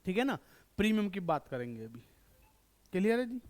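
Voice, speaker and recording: High-voiced man teaching accounts. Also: very animated, a little mellow. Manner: quizzes students with quick questions and answers himself; repeats checks for understanding. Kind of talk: online class lecture.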